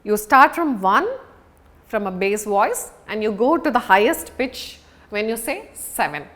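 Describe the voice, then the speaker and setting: In a mid-range, fairly bright voice, a woman teaches public speaking with very animated delivery. She is deliberate and emphatic, using pauses to add stress.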